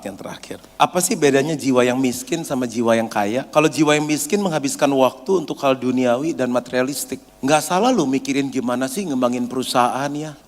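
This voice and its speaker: A man's voice: mid-range voice, long reverb tail. A man preaching a sermon as a pastor, telling funny anecdotes with slangy asides.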